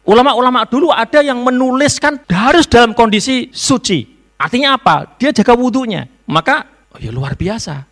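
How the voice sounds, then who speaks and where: A man gives a university lecture to students in a lively storytelling way, slipping into phrases. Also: very high voice, moderate pace. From Indonesia. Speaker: novelist giving a guest lecture. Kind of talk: public lecture.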